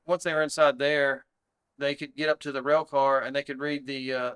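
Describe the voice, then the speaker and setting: A man's voice: mid-range voice, level tone, normal speed, fairly bright tone, clean tone. An American man, a fire battalion chief, recounting an incident in a plain-spoken, conversational interview style. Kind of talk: interview recollection.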